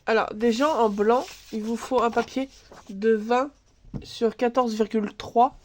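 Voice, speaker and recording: This crafts channel host has a stuffy nose from a cold as she leads a casual tutorial at her home table, chatting with filler words and thinking aloud while she works. She sounds fairly high and fairly even, speaking unhurriedly, recorded by a camera filming from above.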